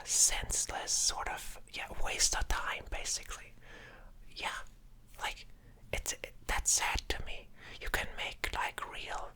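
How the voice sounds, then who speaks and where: A person speaking in a breathy whisper in a casual ASMR ramble, sounding sleep-deprived and hesitant, often trailing off and starting thoughts again. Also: bright, forceful tone. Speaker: ASMR creator.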